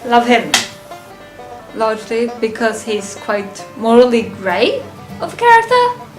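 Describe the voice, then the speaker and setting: Presenting a ranked list, a woman gives an unscripted, casual fan review in a fairly high, animated voice. She talks slowly and haltingly, thinking out loud and chuckling often, with some music playing behind her.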